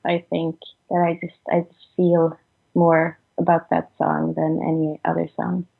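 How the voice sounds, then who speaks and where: Twenty-something swedish woman on the phone, low gravelly voice, hesitant, lots of "like", tinny line. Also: monotone. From Sweden. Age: 20s. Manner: hesitant, halting, trailing off with fillers. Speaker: musician guest. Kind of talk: phone interview.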